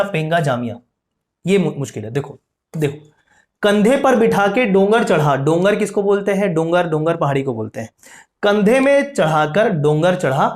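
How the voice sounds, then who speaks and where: A man's voice: on the high side, a little mellow. A young man teaching an exam lesson, repeating key words and checking whether students follow. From Chhattisgarh, India. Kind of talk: lively classroom lesson with memory tricks.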